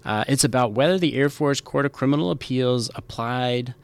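A man's voice: mid-range voice, moderate pace, creaky, clear, resonant tone. Informal male podcast host explaining law. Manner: informal, quizzing, repeats key points for emphasis. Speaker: podcast host, military lawyer. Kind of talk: casual conversational legal explainer.

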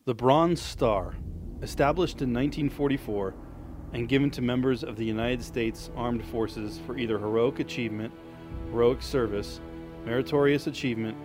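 A man's voice: medium pitch, normal speed, music in the background. A man narrating a scripted military news feature as a public affairs reporter.

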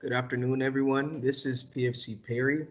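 A man's voice: mid-range voice, steady tone, a little fast, faint music behind. A man of twenty from Texas, a soldier, introducing himself in an upbeat, fluent way. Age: 20s.

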